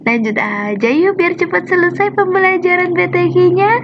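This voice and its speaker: A woman teaching young children to read Quranic letters, drawing out each syllable in slow drills and quietly praising them. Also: very high-pitched, noisy background.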